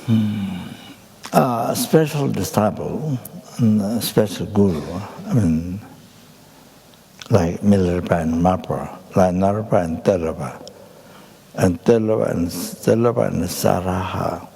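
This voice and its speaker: An older man from Nepal, giving a Buddhist teaching in a halting way full of fillers and restarts. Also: sits low, vocal fry, warm tone, husky. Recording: hall reverb.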